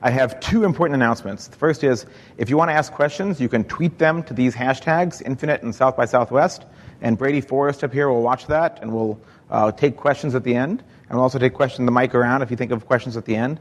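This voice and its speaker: Man, forties, from egypt, keynote speaker, upbeat, engaging, mid-pitched, long hall reverb. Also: a little fast. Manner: upbeat, engaging, quizzes the audience. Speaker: conference speaker. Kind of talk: keynote talk on stage. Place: large hall. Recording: reverberant hall, live event.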